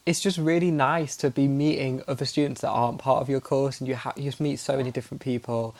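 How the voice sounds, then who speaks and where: A man's voice: medium pitch, fairly even intonation, fast, darkish tone. A young man from the chatting casually as a student, upbeat, with frequent laughs and fillers. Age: young adult. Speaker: student podcast guest. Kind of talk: casual chat.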